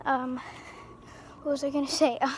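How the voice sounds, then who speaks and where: A woman's voice: high voice, little pitch movement, normal speed, slight background noise. A teenage girl vlogging casually outdoors on a street into a handheld phone camera, rambling with lots of fillers and restarts. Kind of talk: casual vlog chat.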